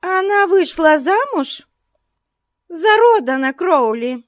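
A timid older female companion gasps out her news in a flustered, breathless voice, as a woman reads her part. Her voice jumps high and stays close and dry. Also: big pitch swings, slow, no room sound, exaggerated voice. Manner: breathless, gasping.

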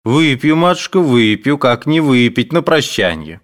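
Brief: jovial old hanger-on, played by a male reader, hearty and bossy, animated. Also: mid-range voice, measured pace, pitched above the performer's own voice. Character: older man, jovial hanger-on guest, hearty.

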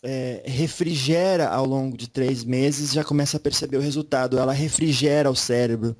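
A man's voice: mid-range voice, moderate pace, darkish tone. A man taking part in a spiritist session, answering a spirit with short agreeing replies and thoughtful remarks. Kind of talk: conversation with a spirit.

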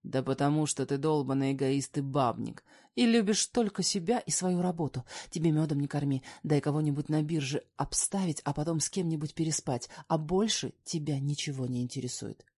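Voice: medium pitch, a little mellow, breathy edge. A reader voicing a defiant, sarcastic young heroine in an audiobook. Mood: heated. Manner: sarcastic, quick to argue. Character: young woman heroine, sharp-tongued and defiant.

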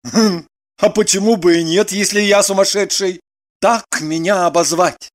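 A man's voice: sits high, fairly even intonation, normal speed, lightly acted. A man reading the part of a prim, self-important businessman in an audiobook, stiff and indignant.

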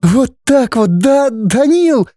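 A woman's voice: very animated, normal speed, warm tone, no echo, clean studio sound. Woman doing a sobbing, distraught young woman. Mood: tearful. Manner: tearful, shrill outbursts. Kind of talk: audiobook character voice.

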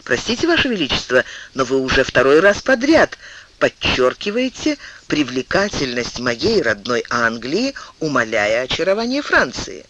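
A man's voice: mid-range voice, sing-song, normal speed, a bit bright, slight background noise, low-quality recording. A man reading an audiobook, voicing a young, ardent English duke who pleads earnestly and with emotion. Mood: pleading.

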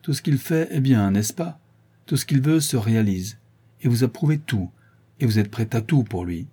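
A man's voice: medium pitch, expressive, normal speed, warm tone, husky. A man playing a coolly teasing young woman. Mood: reproachful.

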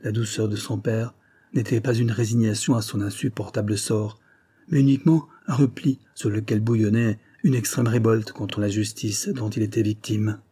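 A man narrating a novel in a calm, measured reading voice. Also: fairly low pitch, breathy edge. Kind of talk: audiobook narration.

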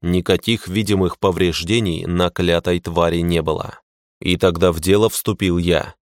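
A man reading a fantasy audiobook in a measured, grim first-person narration. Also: low voice, steady tone, dry recording, studio quality.

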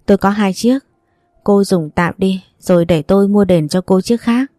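A woman's voice: medium pitch, normal speed, dark tone, no room sound, studio quality, lightly acted. A woman voicing an apologetic, caring young man who talks earnestly and reassuringly.

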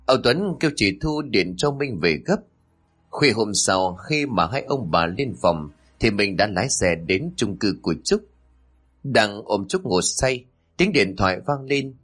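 A male storyteller narrating a dramatic tale with a low, husky voice. His pitch rises and falls with lively movement through each sentence. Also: a little slow.

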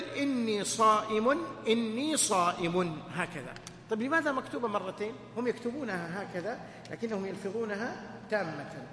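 Man teaching a lesson, quick and bright, mosque study circle, roomy hall reverb. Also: sits high. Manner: corrects the reader, jokes with students. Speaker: sheikh teaching hadith. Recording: echoey hall, faint hum.

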